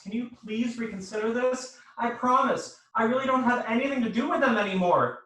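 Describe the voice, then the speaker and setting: A man's voice: high voice, bright, forceful tone. Wry man in an echoey room. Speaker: podcast co-host. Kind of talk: comic reading and casual chat. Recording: echoey room, far from the mic.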